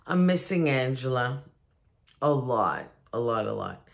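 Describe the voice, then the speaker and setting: A woman's voice: extremely low pitch, sing-song, takes it slowly, vocal fry. A woman chatting casually to camera at home, rambling and restarting her sentences. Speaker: DIY vlogger. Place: new home, indoors. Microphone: phone on a ring light.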